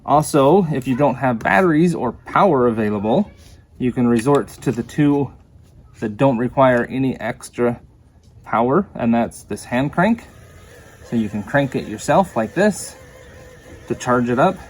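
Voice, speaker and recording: A product reviewer gives a casual, hands-on demonstration, explaining things plainly. His voice is medium in pitch, with lively intonation and an unhurried pace. The recording is clear, though background noise can be heard.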